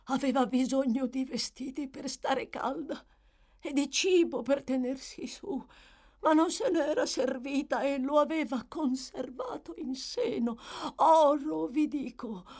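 A woman voicing a feverish, guilt-ridden dying old pauper woman who gasps and breaks into whispers and high cries. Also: takes it slowly, darkish tone. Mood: delirious.

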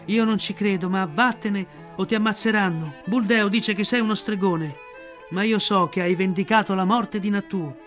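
Man voicing a frightened mother, high-pitched, pleading, storybook. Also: moderate pace, fairly bright tone, soft background music. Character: pleading mother, middle-aged woman, frightened.

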